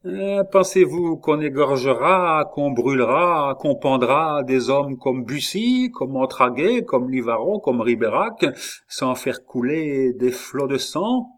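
A crafty, scornful old queen mother, voiced by a man reading aloud speaks cuttingly. When alarmed, her voice leaps up sharp and high. The reading moves slowly and deliberately, like a dramatized audiobook. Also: lively intonation. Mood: scolding.

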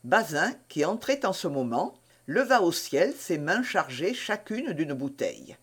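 A reader narrating a classic adventure novel in an expressive way. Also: measured pace, slightly rough. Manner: expressive, varied pitch.

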